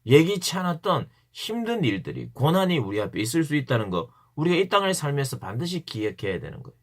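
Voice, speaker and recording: Guy youth pastor preaching to high schoolers, earnest, repeats stuff for emphasis, voice goes up and down a lot. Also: very animated, quick pace. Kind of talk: devotional Bible talk to teens.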